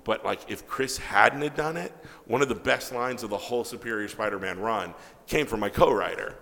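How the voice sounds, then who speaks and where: Gravelly low-voiced man telling stories. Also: moderate pace, big-room sound. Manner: animated, acts out quoted dialogue, swears freely. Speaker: comic book writer, interview guest. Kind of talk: casual anecdotal storytelling.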